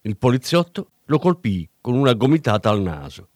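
A man giving a steady audiobook narration of a crime story. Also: medium pitch, moderate pace, no echo. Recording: dry studio sound with faint music.

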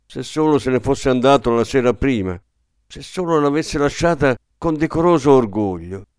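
Smooth-voiced male audiobook narrator. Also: mid-range voice, lively intonation, moderate pace, a little mellow, dry recording, studio quality. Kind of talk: scripted narration.

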